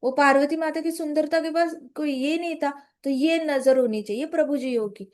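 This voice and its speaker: A woman gives a devotional talk, retelling a sacred story and drawing lessons from it. Her voice sits high. She slips English words into her Hindi and briefly acts out the characters' lines. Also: normal speed. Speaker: spiritual speaker.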